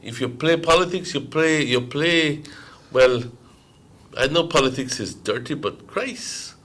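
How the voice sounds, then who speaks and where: A man's voice: fairly high pitch, expressive, unhurried, fairly bright tone. Belizean man, emphatic political talk host. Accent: Belizean Creole. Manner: indignant, emphatic, repeats phrases for stress. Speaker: morning show host. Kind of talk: impassioned political talk, commentary.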